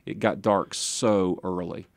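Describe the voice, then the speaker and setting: An older man, a pastor and author appearing as a guest, tells stories in an interview, rambling and poking fun at himself with chuckling asides. His voice is low and steady, with vocal fry, and he takes his time. The recording is dry.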